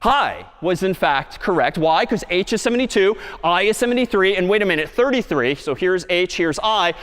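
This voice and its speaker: Man, university lecturer, high voice, lively, quizzes the audience, long hall reverb. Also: normal speed. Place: large lecture hall stage.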